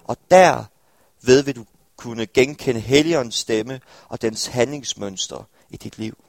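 A man's voice: mid-range voice, dry recording. A young man from the area of Denmark, preaching a sermon to a congregation and often turning to his listeners with questions. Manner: earnest, addresses listeners with questions. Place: church hall with congregation.

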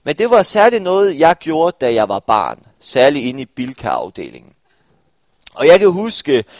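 In a church hall, a young man from Denmark delivers a sermon in a slightly high voice, earnestly turning to the congregation with frequent questions. There's no echo on the audio.

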